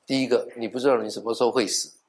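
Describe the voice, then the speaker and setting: A middle-aged pastor preaches a sermon as animated storytelling, acting out dialogue, making half-joking asides, and mixing in the odd English word. His voice is medium in pitch and his delivery rapid-fire.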